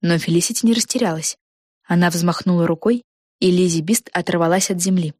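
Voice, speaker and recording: A woman narrating a children's fantasy audiobook in a lively, expressive way. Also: fairly low pitch, fairly quick, dry recording, clean studio sound. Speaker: audiobook reader. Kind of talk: storybook narration.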